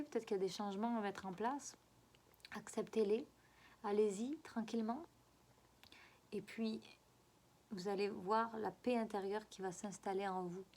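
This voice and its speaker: A woman with a regional French accent giving a spiritual guidance reading. She coaxes her listeners and repeats herself, often pausing to search for words. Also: mid-range voice, darkish tone. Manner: coaxing and repetitive, often halting to search for words.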